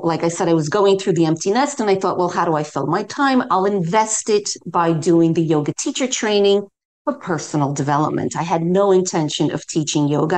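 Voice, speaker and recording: Middle-aged American woman, yoga teacher guest, slightly low voice, measured storyteller. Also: a little mellow. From New York City. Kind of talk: podcast interview guest.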